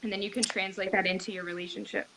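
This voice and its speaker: A woman's voice: medium pitch, fast talker, crowd noise, low-quality recording. A woman bodyworker, a guest in a conversational interview, speaking earnestly and with emphasis. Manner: earnest, emphatic, animated when retelling.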